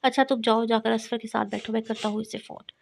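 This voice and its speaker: An urgent, commanding young man, read by a woman in a brisk manner. The voice stays flat in pitch and rough with fry. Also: slight background noise.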